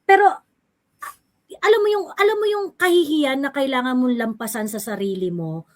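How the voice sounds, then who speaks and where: A woman's voice: sits high, normal speed. A woman co-hosting a gossip commentary show, firing off rhetorical questions as she picks apart someone's behavior. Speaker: show co-host.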